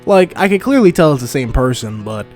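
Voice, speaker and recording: Young man from Montreal for a comedic animated story-time narrator. Slangy and irreverent, mid-pitched. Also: brisk, soft background music. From Montreal, Canada. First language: English. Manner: casual, crude slang, joking asides.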